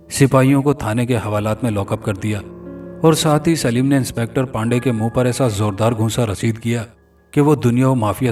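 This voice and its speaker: A man narrating a scripted horror story in an even, dramatic storytelling manner. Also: medium pitch. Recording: distant mic with faint music.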